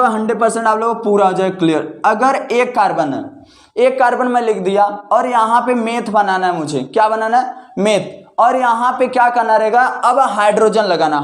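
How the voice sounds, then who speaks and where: A man teaching a chemistry lesson, asking questions aloud and answering them himself. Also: sits high. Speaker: chemistry tutor. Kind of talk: classroom-style lesson. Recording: echoey room.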